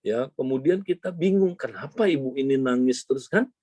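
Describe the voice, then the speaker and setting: A male pastor telling a story in a sermon, his voice leaping up on exclamations and dropping low when he turns to the congregation. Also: animated, a little fast, mellow, no echo. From Indonesia.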